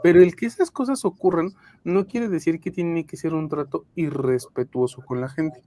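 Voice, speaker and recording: A woman's voice: low voice, moderate pace, warm tone, no echo. Brief: Mexican woman co-host, frank and chatty, dry close audio, no room. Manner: frank, explains with many fillers and restarts. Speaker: podcast co-host, HR professional. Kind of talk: casual explanatory chat. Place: connecting remotely over home internet.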